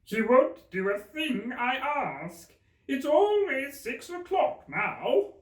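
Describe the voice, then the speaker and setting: Nutty huffy storybook hatter, theatrical, swoops all over, kinda high, echoey and off the mic. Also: male voice, big pitch swings, slow pace, full character voice. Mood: mournful. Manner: emphatic, theatrical, contemptuous. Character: eccentric, huffy, mournful male Hatter from a storybook. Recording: roomy, distant microphone.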